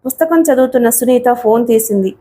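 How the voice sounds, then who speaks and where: Mellow woman narrating a story. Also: fairly high pitch, brisk. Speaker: audiobook narrator. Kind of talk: scripted narration.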